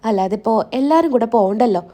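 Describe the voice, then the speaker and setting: A woman's voice: a little high, expressive, fast talker, mellow. A woman voicing a firm matriarch who settles family business decisively. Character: firm older matriarch favoring one daughter-in-law.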